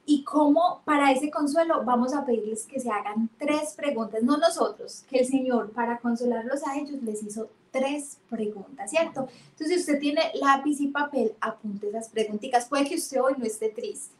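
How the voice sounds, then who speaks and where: Woman teaching with lively storytelling. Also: sits high, normal speed, hardly any pauses, reverberant. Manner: warm, animated storytelling with emphatic retellings.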